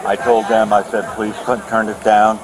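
A man telling police about a noise dispute, talking haltingly with many restarts, recorded outdoors on a bodycam. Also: fairly low pitch, level tone, crowd noise. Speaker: neighbor complaining about noise. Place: outdoors at night by a trailer lot. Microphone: officer's bodycam. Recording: noisy outdoor bodycam audio.

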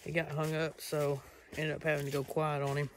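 Talking to his own camera out on rural land, a hunting vlogger explains things in a loose, rambling way, full of fillers and false starts. His voice is a little high and fairly quick with a completely flat delivery, and there's slight background noise.

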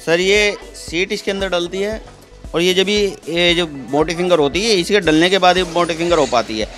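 A man's voice: high voice, normal speed, a bit bright, faint music behind. A man in his thirties, a workshop owner, plainly explaining his work into an interviewer's handheld mic in a courtyard, with repeated polite yes-words. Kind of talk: casual explanation. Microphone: handheld mic held by interviewer.

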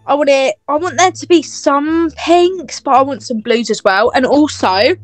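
A woman's voice: sits high, moderate pace, no room sound, lightly acted. A woman voicing an entitled, snobby young woman in a game role-play, talking down to the people she is bossing around. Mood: haughty. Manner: bossy, dismissive, self-satisfied. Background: faint music.

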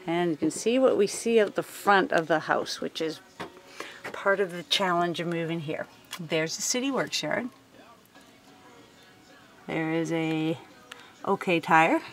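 A woman's voice: on the low side, a little slow, long pauses, soft background music, rough recording. Woman narrating a casual house tour. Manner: relaxed, pointing things out room by room. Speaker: homeowner giving a house tour. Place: unfinished house under renovation, indoors. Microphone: handheld camera, filming while walking.

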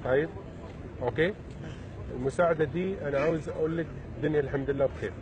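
A young man, crouching on a sidewalk and gently reassuring an older woman. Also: fairly high pitch, fast, highs cut off, crowd noise. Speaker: social experiment host. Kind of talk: street interview. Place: outdoors on a city sidewalk, crouching.

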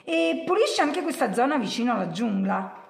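A curt, dismissive monster from a picture book, acted by a woman reading aloud. It waves off strangers in a high, animated voice. The sound is roomy, with faint music. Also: normal speed, creaky, exaggerated voice. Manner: brushes others off curtly. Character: lazy second monster, gruff and dismissive. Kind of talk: storybook read-aloud.

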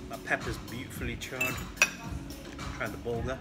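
A man's voice: mid-range voice, steady tone, normal speed. A man in his thirties hosting a casual food review at a restaurant table, chatty and enthusiastic. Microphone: camera on table. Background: loud background music.

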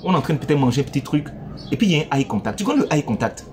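A man giving relationship advice in a playful, teasing monologue that swings between loud outbursts and low asides, speaking straight to his listeners. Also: very animated, rapid-fire, a little hiss or hum.

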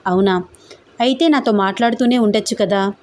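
A woman reading an audio story, voicing an affectionate young female college student who speaks softly and pleadingly. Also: mid-range voice, brisk, lightly acted.

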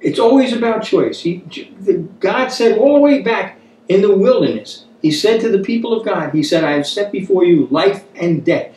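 Animated and high-voiced, a man in his fifties moves at a normal speed, his tone a little mellow, as he preaches through a Bible study and repeats phrases to stress them. He's at a wooden table in a small room indoors. A distant microphone in the echoing room picks up slight hiss or hum.

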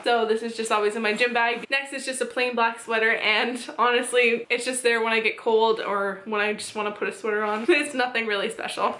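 A young woman in her twenties vlogs from a small bedroom, talking casually and cheerfully to the camera. Her voice sits a touch high and sounds bright and sharp. The room gives a noticeable echo. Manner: chatty, upbeat, showing items one by one. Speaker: fitness vlogger. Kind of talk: casual chat.

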